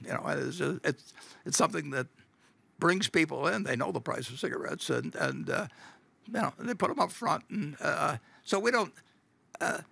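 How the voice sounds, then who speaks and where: Chuckling old man, gravelly and folksy. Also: on the high side, bright, forceful tone, dry recording. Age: older. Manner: folksy, halting, chuckles often, many restarts. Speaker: company chairman answering shareholder questions. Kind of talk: unscripted Q&A answer. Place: large meeting stage at a table.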